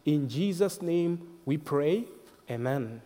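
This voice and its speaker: A man's voice: fairly high pitch, expressive, takes it slowly, mellow. Man, formal and reverent, echoey. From Zambia. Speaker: guest speaker, minister. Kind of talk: prayer and personal testimony. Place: church hall. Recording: reverberant hall.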